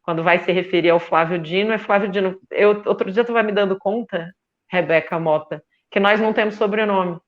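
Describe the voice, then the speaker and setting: A woman's voice: mid-range voice, fairly quick, muffled recording. A Brazilian woman in her fifties, a feminist union leader speaking as a panel guest, emphatic and indignant, repeating words for force. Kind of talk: impassioned panel discussion.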